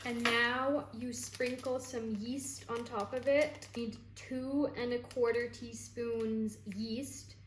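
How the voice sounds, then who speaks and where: A woman's voice: fairly high pitch, slow, hardly any pauses, slight background noise. Chatty young woman in an echoey kitchen. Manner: chatty, relaxed, explaining as she goes. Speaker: home baking vlogger. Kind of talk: casual step-by-step cooking chat. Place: home kitchen.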